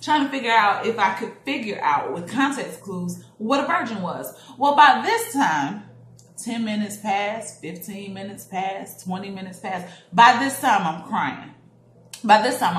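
A woman in her thirties, a parent, telling a personal story in a casual vlog and acting out the people in it. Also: medium pitch. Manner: animated, acting out quoted voices with laughs. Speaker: parent vlogger. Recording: echoey room, faint background noise.

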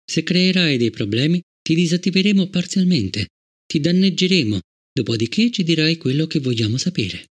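A man reading an audiobook, voicing a cold, relentless male guard robot with a flat, formal manner. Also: fairly high pitch, normal speed, slightly rough. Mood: stern. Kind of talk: audiobook character voice.

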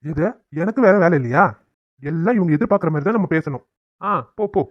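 A man's voice: fairly high pitch, animated, brisk, no echo, dull audio. A man voicing a teasing, dismissive middle-aged husband in a cartoon family drama. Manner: dry, mocking.

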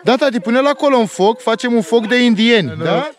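A man's voice: extremely high pitch, lively intonation, a crowd in the background. A man from Romania filming a casual family vlog outdoors in the mountains, teasing his kids and showing them how to do things in a fatherly way. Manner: playful, teasing, fatherly instructing.

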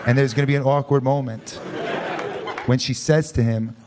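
A man in his thirties doing a dry, deadpan stand-up set on a club stage, speaking into a handheld mic. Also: medium pitch, moderate pace. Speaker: stand-up comedian. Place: comedy club stage before a live audience. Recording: loud club crowd and noise. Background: loud audience laughter.

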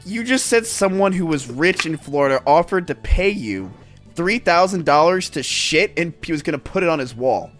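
A man's voice: a little high, animated, moderate pace, a bit bright, soft background music. A man in his twenties hosting a livestream on a close mic, chatting casually in a blunt, teasing way. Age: 20s. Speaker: livestream host. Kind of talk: casual reactive chat. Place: decorated indoor room. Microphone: close boom microphone.

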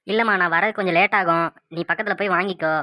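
A woman's voice: fairly low pitch, fairly even intonation, quick pace, bright, forceful tone, dry recording, studio quality. A woman voicing an irritated young husband in a cartoon, grumbling impatiently.

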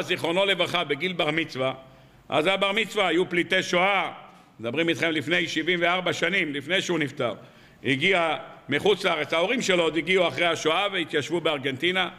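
A man's voice: a little high, bright, forceful tone, long reverb tail. A man, a rabbi, giving a storytelling sermon on the weekly Torah portion, firing off rhetorical questions and anecdotes. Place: evening lecture hall.

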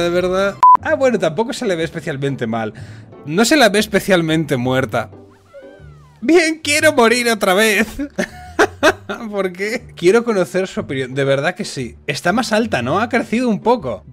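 A man giving profane, excitable let's-play commentary, often bursting into loud laughter. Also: high-pitched. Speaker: gaming youtuber.

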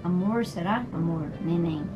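A young woman hosting a casual vlog, talking in an excitable, dramatic way with nervous laughs. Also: lowish voice, unhurried, muffled recording, music in the background. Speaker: YouTuber host.

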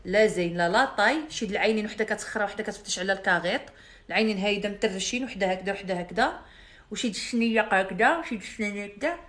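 Brash, fast-talking Moroccan woman. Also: mid-range voice, a bit bright. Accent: Moroccan Arabic. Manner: brash, mocking and boastful. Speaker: live-stream host selling products. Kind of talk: live-stream chat.

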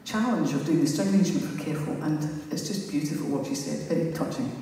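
A woman's voice: deep voice, fast talker, mellow. A Scottish woman singer chatting to her concert audience between songs, rambling and poking fun at herself. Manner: chatty, rambling, self-mocking. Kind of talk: casual stage banter between songs. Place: large concert hall. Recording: echoey hall from far off.

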